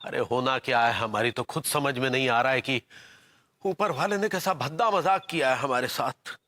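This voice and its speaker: A man's voice: mid-range voice, normal speed, bright, forceful tone, natural voice. An actor playing a flustered middle-aged husband in a sitcom, stammering and sing-song as he coaxes his childlike wife. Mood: grumbling. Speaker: sitcom character. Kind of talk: broadcast sitcom acting.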